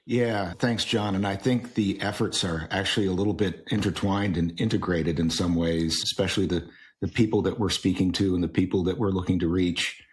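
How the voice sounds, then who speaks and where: A man hosting a podcast interview, talking casually and a bit haltingly. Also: deep voice, fairly even intonation. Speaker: podcast host.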